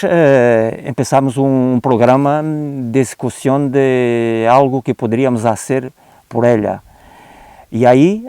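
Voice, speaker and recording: A man with a European Portuguese accent speaks unscripted on a country estate. His voice is warm, mellow and smooth. He talks in a hesitant way, with many "eh" fillers and restarts, and mixes Spanish words into his sentences. The sound is dry and close. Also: mid-range voice, no echo. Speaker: guest expert on oak disease. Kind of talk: unscripted explanatory talk.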